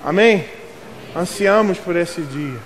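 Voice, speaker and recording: Carioca male pastor, emphatic sermon, very high pitch, faint hiss under long church reverb. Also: expressive, slow pace. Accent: Carioca Brazilian Portuguese. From Rio de Janeiro, Brazil. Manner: emphatic, builds to loud outbursts. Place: church sanctuary.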